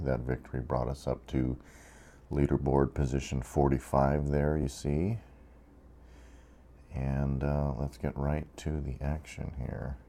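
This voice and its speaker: This gameplay commentator has a warm bass voice. Fatigued after 23 waking hours, he offers laid-back, wandering commentary on a strategy game, peppered with fillers.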